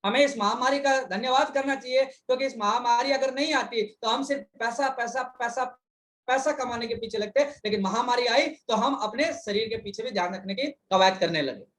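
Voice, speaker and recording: A man's voice: very high voice, brisk, fairly bright tone. Man interpreting over a video call. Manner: fluent, restates each point in full. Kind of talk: consecutive interpretation.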